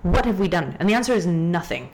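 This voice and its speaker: A young woman from Hong Kong telling a story in a casual podcast chat, ranty and animated. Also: lowish voice, quick pace, background noise. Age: young adult. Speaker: guest.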